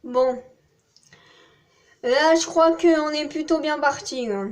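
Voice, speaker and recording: A woman's voice: high voice, slow. A young woman with a southern French accent chatting casually to her vlog audience, rambling and poking fun at herself. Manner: chatty, rambling, self-mocking with frequent laughs. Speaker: vlogger.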